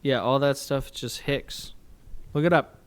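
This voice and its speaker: A man's voice: mid-range voice, unhurried, smooth. A young man co-hosting a casual podcast, teasing and swearing in loose banter. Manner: teasing, swears often, mock-confident. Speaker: podcast co-host. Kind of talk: casual chat.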